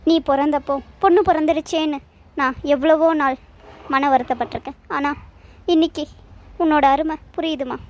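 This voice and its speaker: Old cartoon dad, a woman voicing, emotional, slow, high-pitched. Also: fairly even intonation, lightly acted. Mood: grateful. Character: old cartoon father, grateful and teary.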